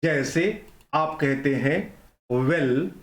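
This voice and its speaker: A man's voice: fairly high pitch, steady tone, drawn-out words, roomy sound. A man teaching an online grammar lesson, explaining rules step by step and repeating the key points.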